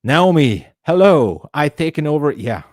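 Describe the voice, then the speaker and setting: A man's voice: on the high side, very animated, measured pace, a little mellow, no echo, studio quality. A man from Hungary hosting a live trading stream, chatting casually, laughing often and thinking aloud. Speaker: livestream trading host.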